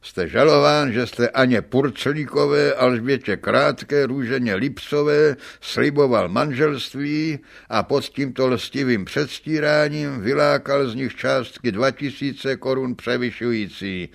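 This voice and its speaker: A man's voice: medium pitch, creaky, lightly acted. Man voicing a stern, dry judge. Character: stern male court judge. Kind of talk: audiobook character reading.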